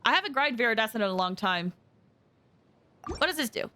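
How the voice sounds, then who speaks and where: A woman game streamer chats casually and excitably during a livestream, thinking aloud as she plays with frequent exclamations. Her voice is fairly high, and she talks briskly.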